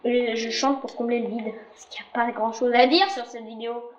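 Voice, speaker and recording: High-voiced chatty young woman gamer. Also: steady tone, a little fast, echoey room, muffled recording. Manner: chatty, jokey, swears often. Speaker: gaming video creator. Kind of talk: casual football game commentary.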